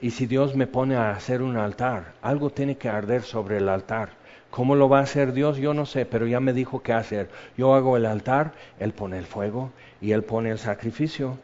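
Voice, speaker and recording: A passionate male preacher delivers a sermon in a mid-range voice at a moderate pace, swinging between loud emphasis and soft, hushed tones as he reads scripture and then acts out quoted voices. The sound is dull and lo-fi.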